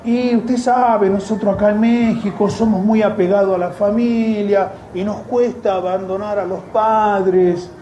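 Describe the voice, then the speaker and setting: A man's voice: sits high, fairly even intonation, unhurried, hardly any pauses, mellow, echoey room, lo-fi sound, a little hiss or hum, voice pushed up. A man voicing an older Mexican churchwoman in her sixties who keeps making whiny, pleading excuses.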